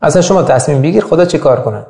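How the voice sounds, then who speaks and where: A man delivers a religious lecture in a gravelly, fairly high voice. He keeps putting rhetorical questions to his listeners. The room around him is echoey. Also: expressive, dark tone. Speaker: religious teacher.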